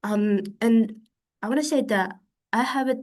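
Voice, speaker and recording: Slightly stuffy from hay fever, a Japanese woman in her thirties speaks second-language English while giving a conference talk on a video call. Her voice is a little high and a little mellow, and she talks in a careful, halting way with lots of fillers.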